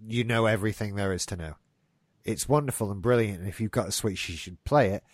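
Talking fast in a fairly low voice, a podcast host rambles through gaming news in casual chat, swearing lightly and sounding stuffed up from a developing cold in the nose. The recording is dry and studio quality.

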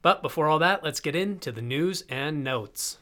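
A man's voice: on the high side, lively intonation, moderate pace. A man hosting a podcast with scripted, announcer-like delivery. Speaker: podcast host. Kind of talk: scripted news narration and interview hosting. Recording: loud music bed under voice.

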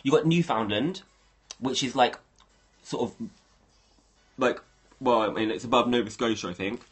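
Husky-voiced man chatting on a livestream. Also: medium pitch, moderate pace. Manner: rambling, thinking aloud to viewers. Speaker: livestream host. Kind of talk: casual livestream chat.

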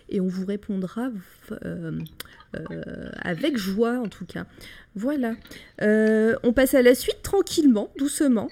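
A woman's voice: mid-range voice, dark tone. Give me a woman hosting casual live chat. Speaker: host of an online radio show.

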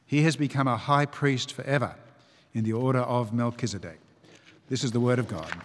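Man reading scripture in a reverberant church. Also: mid-range voice. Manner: measured, expressive reading of quoted speech. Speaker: Bible reader.

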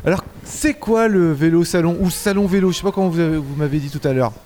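A man's voice: on the high side, fast, darkish tone. A man hosting a casual festival interview, chatting and asking questions. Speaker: interviewer, host.

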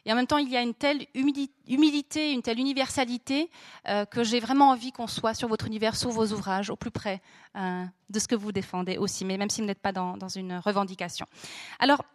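A woman's voice: fairly high pitch, steady tone, fairly quick, no echo, clean studio sound. A woman hosting a live author event, introducing her guest with many hesitations and restarts. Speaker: event host. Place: venue with an audience. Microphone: handheld mic.

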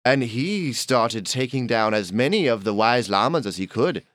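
A man's voice: medium pitch, lively intonation, normal speed, a bit bright, no room sound, studio quality, natural voice. A man voicing a pompous noble male llama lord with an affected posh accent, guest-hosting a comedy podcast. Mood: lofty. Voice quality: affected posh British-ish put-on accent, grandiose. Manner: pompous, rambling, theatrical. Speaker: guest host. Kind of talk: improvised comedy podcast character.

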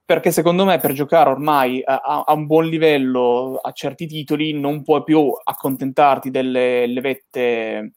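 A man's voice: mid-range voice, fairly even intonation, moderate pace, few pauses, darkish tone, no echo. A man giving his opinions casually in a gaming talk, in a rambling way with frequent checking tags, speaking into a close microphone. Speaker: panelist on a video game talk show.

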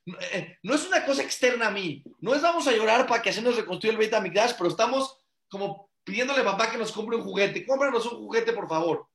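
Rabbi guy preaching earnest, pretty high voice, echoey room. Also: animated, fast talker, fairly bright tone. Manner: earnest, preachy, acts out quoted pleas. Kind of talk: sermon-like talk on an online panel.

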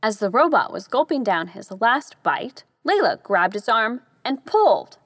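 A woman narrating a children's story in a gentle, expressive way. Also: fairly high pitch, measured pace, dry recording, studio quality. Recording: narration over background music. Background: music.

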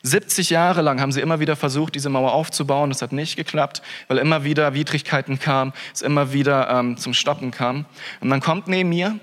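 A man's voice: fairly high pitch, steady tone, brisk, a bit bright. Chatty male preacher in a reverberant hall. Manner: informal, chatty, frequent "hey" and restarts, laughs often. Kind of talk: casual sermon.

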